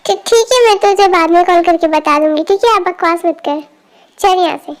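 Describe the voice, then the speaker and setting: Woman playing a sulky young girl, defensive, very high voice, fan audio drama. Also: moderate pace. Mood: irritated.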